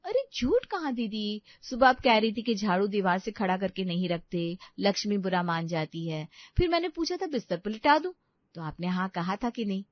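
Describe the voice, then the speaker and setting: A woman's voice: medium pitch, animated, moderate pace, dry recording, lightly acted. A woman voicing a mischievous young bride who teases in a sing-song way, in a dull, dry recording. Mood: cheeky.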